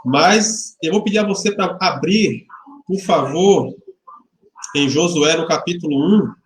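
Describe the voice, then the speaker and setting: A man's voice: on the high side, measured pace. A man of about forty from Salvador, a pastor who chats casually with a livestream audience and leads a prayer. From Salvador, Bahia, Brazil. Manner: chatty and informal, greeting viewers by name, joking lightly. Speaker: pastor leading the service. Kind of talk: livestreamed church service, greetings and prayer. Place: church hall. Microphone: webcam microphone. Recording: roomy webcam sound.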